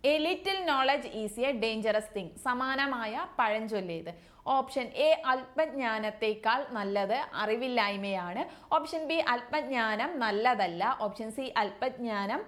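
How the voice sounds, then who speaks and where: A woman from Kerala teaching an exam prep language lesson, reading each multiple-choice option and then confirming the answer with a steady "okay, next". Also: fairly high pitch. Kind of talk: quiz-style language lesson.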